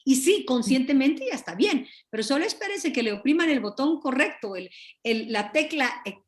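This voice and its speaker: A woman teaching a Bible study over a video call, earnest and animated, often correcting herself mid-sentence. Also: high voice, normal speed. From Guatemala.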